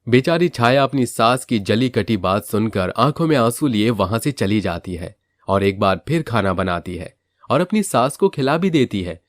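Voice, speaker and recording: A man narrating a cartoon family story in an even storytelling tone. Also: lowish voice, moderate pace, no room sound, studio quality.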